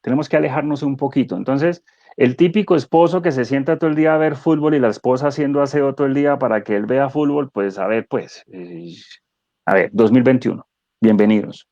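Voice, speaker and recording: Animated man explaining on a dull call. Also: mid-range voice, brisk, no echo. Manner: animated, explanatory, with rhetorical questions. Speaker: guest speaker, neuro-coach. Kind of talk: conversational webinar talk.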